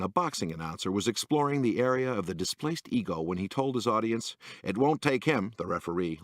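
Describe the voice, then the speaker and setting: In a clean recording with no room sound, a man of medium pitch reads a comic magazine essay as scripted narration. His manner is dry and wry, lifting into the voices whenever he quotes someone.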